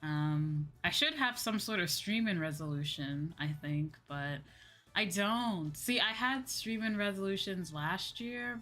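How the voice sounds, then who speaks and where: This is a woman hosting a VTuber livestream, her fairly low voice carrying a fairly bright tone. She keeps things casual, chatty and giggly, with music running in the background.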